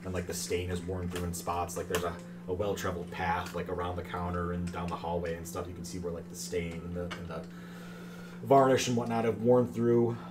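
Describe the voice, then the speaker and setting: A man's voice: low-pitched, flat delivery, a little fast. A man improvising scene descriptions as the game master of a tabletop game. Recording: noisy room recording.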